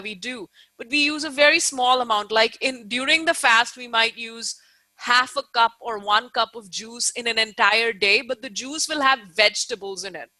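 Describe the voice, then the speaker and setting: Bright, higher-voiced woman teaching online. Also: no echo, rough recording. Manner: explanatory and emphatic, repeats key points, often checks understanding. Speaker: Ayurveda teacher giving an online lecture. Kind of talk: informal live online lecture with check-in questions.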